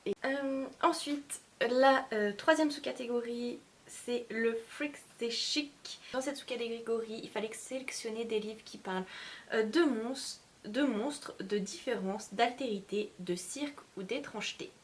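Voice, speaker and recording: A woman's voice: a little high, a little slow, a little hiss or hum. A woman talking casually about her reading list as a book vlogger, hesitating often with filler sounds and poking fun at herself. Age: adult mother of young children. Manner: hesitant, frequent filler sounds, self-mocking.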